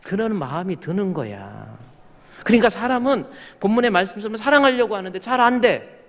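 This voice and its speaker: A man's voice: sits high, big pitch swings, fairly quick, fairly bright tone. A man preaching a sermon as pastor, telling stories in a folksy way and acting out little scenes of his church members. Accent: Korean. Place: church sanctuary. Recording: long reverb of a large hall.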